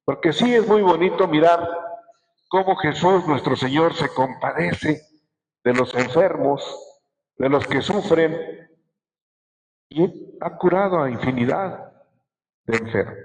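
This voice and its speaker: A man delivers a bishop's sermon, leaning on key words and stretching them out. His voice sits a little high for a man. The sound carries a long reverb, as if he were preaching in a large church. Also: expressive. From Mexico. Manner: slow, emphatic preaching with drawn-out words. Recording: echoey church hall.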